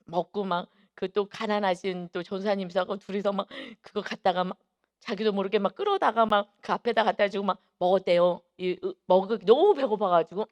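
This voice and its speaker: Korean pastor telling a sermon story. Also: male voice, high voice. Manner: animated storytelling with many emphatic fillers. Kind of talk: early-morning sermon.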